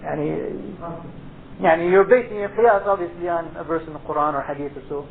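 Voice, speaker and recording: A man's voice: fairly high pitch, fairly even intonation, vocal fry. A man teaching an informal Islamic studies class, explaining step by step and dropping in Arabic terms. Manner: explanatory, pausing for checks like "okay", peppered with Arabic terms. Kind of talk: informal lecture with question and answer. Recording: tinny phone-like lecture tape, faint noise.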